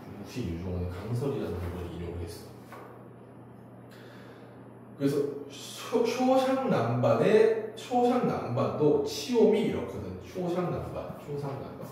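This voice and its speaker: Male teacher, lively lecture voice, quizzes and answers himself, mellow tone, far-off echoey room. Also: medium pitch, moderate pace, slight background noise. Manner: animated, asks and answers his own questions. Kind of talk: classroom lecture. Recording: distant echoey classroom recording.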